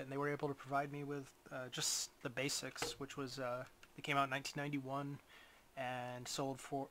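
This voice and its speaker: A man talks through a gadget in a casual, unscripted review. His delivery is hesitant and rambling, broken by frequent pauses, at a medium pitch. Faint noise and clicks sit behind his voice. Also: fairly bright tone.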